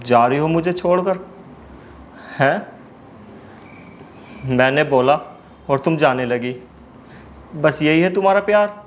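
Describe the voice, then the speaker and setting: A man's voice: on the high side, slow pace, pauses often, lo-fi sound, a little hiss or hum. A young man acting as a suspicious husband in a comic skit, accusing and melodramatic.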